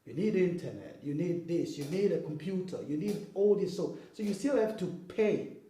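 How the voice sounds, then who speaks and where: An interview guest from Kinshasa, Congo, explains things earnestly, frequently checking in with "okay?" and "you know what I mean?" to make sure the listener is following. His voice is high-pitched and dark, with animated delivery at a moderate pace, and the recording has a roomy echo.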